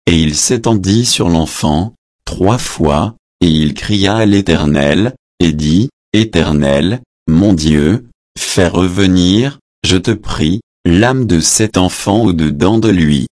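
Slow, deep-voiced man reading scripture. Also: darkish tone, dry recording, studio quality. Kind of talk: Bible reading with spoken footnotes.

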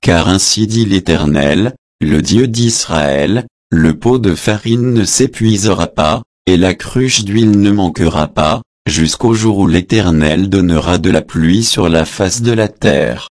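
Man, Bible reading with spoken footnotes, very low voice, unhurried, dry close sound. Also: darkish tone, no room sound.

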